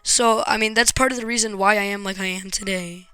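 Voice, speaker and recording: A woman vlogger telling a painful personal story to camera, frank and raw, with hesitant pauses and swearing when upset. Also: medium pitch, fairly even intonation, bright, forceful tone, clean tone, dry recording.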